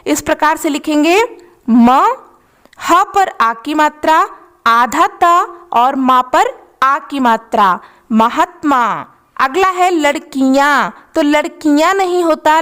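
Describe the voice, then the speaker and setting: High-voiced woman teaching step by step. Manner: patient, slow, spells out letters one by one. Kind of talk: worksheet lesson.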